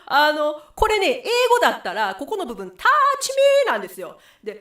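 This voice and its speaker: Chatty Kansai woman, lively pitch. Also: brisk, echoey room. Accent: Kansai Japanese. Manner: chatty, animated, rambling. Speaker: host and musical singer. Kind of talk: live-stream chat.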